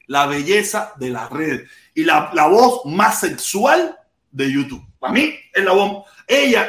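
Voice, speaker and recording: Cuban male livestream host, high animated voice, echoey room. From Cuba. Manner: playful, loud, repeats himself, bursts into shouts. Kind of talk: casual live chat.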